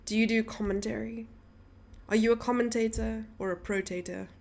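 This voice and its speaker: A woman's voice: a little high, steady tone, normal speed, vocal fry, a little mellow. A young woman streaming, chatting casually and teasing her viewers as she reads their messages aloud. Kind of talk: casual live-stream chat.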